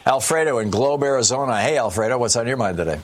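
A man's voice: medium pitch, expressive, fast talker. A man hosting a radio call-in show, chatting casually and answering callers with short remarks. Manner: brief, affirming interjections.

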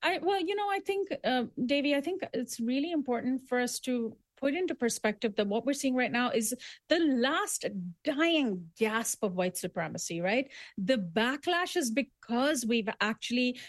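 A woman's voice: sits high, animated, moderate pace, dry recording. A woman born in Dubai, speaking as a guest author in an interview, making emphatic arguments with frequent restarts. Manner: earnest, emphatic, building arguments with repetitions. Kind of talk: conversational interview.

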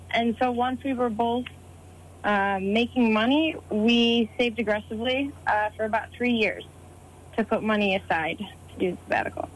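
A woman in her thirties answering interview questions, telling her story in a measured way. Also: a little high, poor audio. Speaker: guest.

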